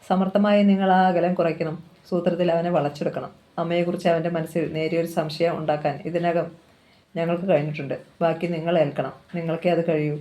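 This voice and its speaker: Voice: mid-range voice, level tone, a little fast, warm tone, lightly acted. The narrator voicing a scheming, wealthy middle-aged father in a novel reading, cold and commanding.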